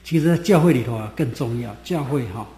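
Male preacher, mellow voice, folksy sermon with filler sounds, reverberant hall. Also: medium pitch, lively intonation, quick pace. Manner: folksy Bible teaching with many "ah" fillers. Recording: echoey hall with faint ambience.

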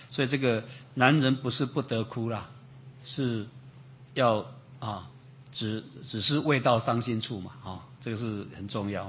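A man delivering a Bible sermon in a homely, talkative manner, looping back over his words and tossing rhetorical questions to the listeners. His voice sits at an ordinary middle pitch, with a faint hiss behind it. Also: fairly bright tone. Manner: conversational, repetitive, many drawn-out fillers and rhetorical questions. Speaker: preacher.

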